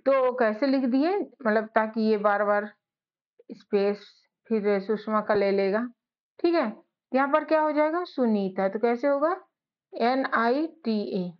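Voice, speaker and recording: High-voiced woman teaching English basics. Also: dull audio. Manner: patient, repeats and checks with "ठीक है?"; spells letters out slowly, one by one. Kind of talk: beginner English lesson.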